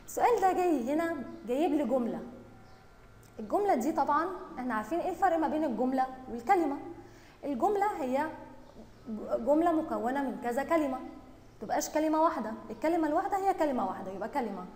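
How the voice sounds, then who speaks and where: A woman with an Egyptian accent teaching young children Arabic reading, stretching out words slowly and praising them often. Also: high voice, expressive, darkish tone, echoey room, long reverb tail. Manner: drawn-out syllable-by-syllable reading, praising and questioning pupils. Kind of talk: recorded online lesson for young children.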